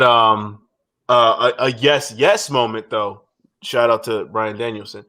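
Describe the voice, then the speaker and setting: A man with a mid-range, sharp-toned voice co-hosts a casual wrestling recap podcast. He rambles through his opinions, restarting often and swearing.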